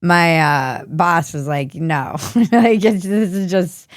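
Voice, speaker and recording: Smooth, low-pitched woman hosting. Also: animated, no room sound, studio quality. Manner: candid, quick storytelling. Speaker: podcast host. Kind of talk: casual conversation.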